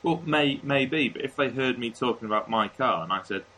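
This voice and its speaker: A man's voice: medium pitch, normal speed, bright, forceful tone, rough recording. A man from Wales co-hosting a podcast, telling anecdotes and acting out the dialogue in casual chat. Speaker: podcast co-host.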